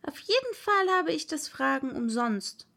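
A woman's voice: high voice, very animated, unhurried, vocal fry, bright, forceful tone, pitched above the performer's own voice, heavily acted. A woman voicing a polite, curious little girl in a read-aloud story, eager and chatty, sometimes apologetic. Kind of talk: audiobook reading.

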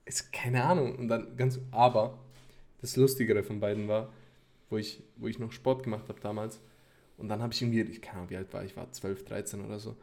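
A young man co-hosting a podcast, talking in a relaxed, slangy way with mixed-in English phrases. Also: lowish voice, fairly quick, creaky. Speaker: podcast co-host. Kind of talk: casual chat.

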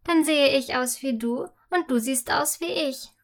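A woman's voice: high voice, unhurried. A woman voicing a young girl princess in a storybook, eager and dreamy.

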